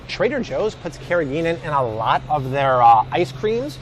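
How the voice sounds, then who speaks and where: A man's voice: a little high, very animated, normal speed, a little hiss or hum. A man hosting a casual grocery shopping advice vlog, chatty and emphatic with jokey asides. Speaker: host.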